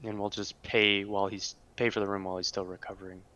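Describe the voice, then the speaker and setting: A man's voice: on the low side, little pitch movement, fast, bright, forceful tone, highs cut off. A man playing a tabletop game, easygoing and chuckling, with stumbling starts. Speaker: player.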